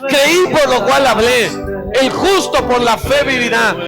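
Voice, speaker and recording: A man preaching a sermon as pastor, exhorting fervently and dropping now and then into quiet asides. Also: extremely high pitch, a little slow. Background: instrumental music.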